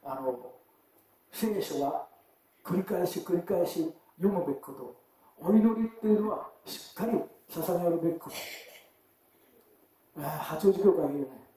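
A man's voice: high voice, lively intonation, a little slow, pauses often, dark tone, distant mic. A man preaching a sermon in a church in a chatty, conversational way, often turning to the congregation with questions. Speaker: pastor. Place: church sanctuary. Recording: very echoey church hall.

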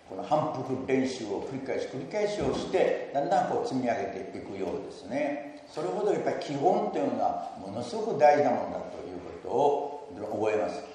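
Warm-voiced man preaching in an echoey church. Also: a little hiss or hum. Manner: earnest, stresses key words with lifts in pitch and volume; leads the congregation in repeating a verse. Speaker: pastor. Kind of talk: sermon. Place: church sanctuary. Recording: echoey church hall, mic at a distance.

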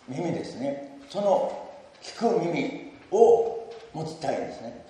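A man preaching a sermon as pastor. He speaks earnestly and leads the congregation, stressing key words with rises in pitch and volume. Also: mellow. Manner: leads the congregation in repeating a verse. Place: church sanctuary. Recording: echoey church hall, mic at a distance.

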